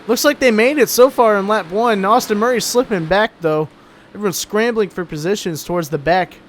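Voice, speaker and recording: A man's voice: high voice, fairly quick, a little hiss or hum. A young man giving casual, laid-back commentary on a sim truck race, sounding tired between calls.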